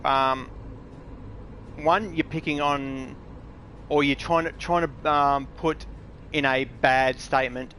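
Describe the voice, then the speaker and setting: A man's voice: on the high side, a bit bright, a little hiss or hum. A grown man ranting bluntly and with frustration, swearing and mocking what others say. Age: adult. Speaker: gamer vlogger. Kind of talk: angry ranting commentary.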